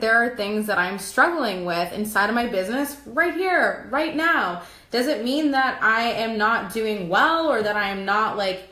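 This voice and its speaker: A woman's voice: medium pitch, a bit bright, roomy sound. A young woman business coach in a casual live stream, talking to viewers in an upbeat, chatty way with lots of filler words. She is tired and losing her voice.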